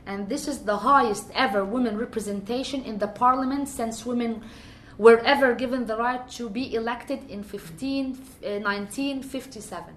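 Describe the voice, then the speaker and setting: Recorded in an echoey room with faint ambient noise, an Egyptian woman gives an earnest personal account in English with an Egyptian accent during a conversational interview. She frequently restarts while searching for words. Her slightly high, fairly bright voice runs at normal speed with few pauses.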